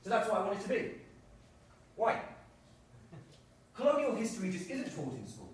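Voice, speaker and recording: Animated man onstage in an echoey theatre. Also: high voice, normal speed, slight background noise. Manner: animated, mock-earnest storytelling. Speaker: stand-up performer. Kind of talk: live solo comedy show. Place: theatre stage. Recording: echoey stage, far-off mic.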